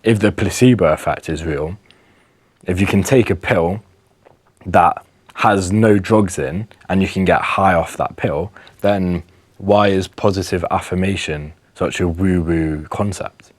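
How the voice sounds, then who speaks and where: A young man delivers a casual advice monologue, emphatic and earnest, sometimes tripping over his words. His voice sits deep and low. The sound is close and dry, with no room around it. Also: unhurried, slightly rough, no echo. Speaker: wellness vlogger.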